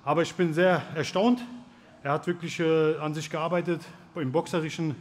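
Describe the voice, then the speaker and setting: A man's voice: fairly high pitch, steady tone, normal speed. A man in his thirties, a fight coach, giving casual instruction and commentary. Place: large busy martial arts gym.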